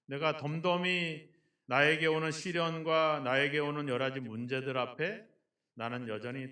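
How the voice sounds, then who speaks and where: Male pastor, middle-aged, folksy joking sermon style, slightly high voice, picked up far off in a roomy sanctuary. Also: pushed and bright. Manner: folksy, joking storyteller who asks the congregation questions. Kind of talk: sermon with personal stories. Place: church sanctuary. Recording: echoey church from a distant mic.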